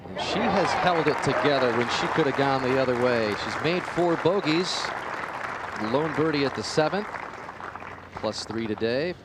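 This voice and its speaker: A man's voice: medium pitch, animated, normal speed. Male golf commentator over crowd noise. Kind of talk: golf tournament television commentary. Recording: outdoor broadcast with crowd and loud noise. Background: golf crowd and outdoor noise.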